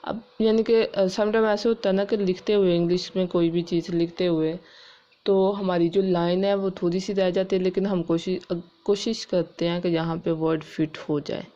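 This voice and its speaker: A woman English teacher explaining grammar rules step by step, spelling words out letter by letter and reading English rules slowly and carefully. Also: lowish voice, fairly even intonation, warm tone, dull audio. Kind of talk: classroom-style grammar lesson.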